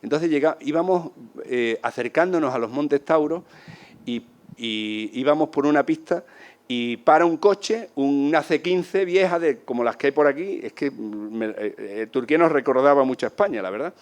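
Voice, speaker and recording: A man from Spain with an Andalusian accent, telling travel anecdotes in a casual, animated way and acting out the voices of people he met. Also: fairly high pitch, moderate pace. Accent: Andalusian Spanish. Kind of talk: casual storytelling talk.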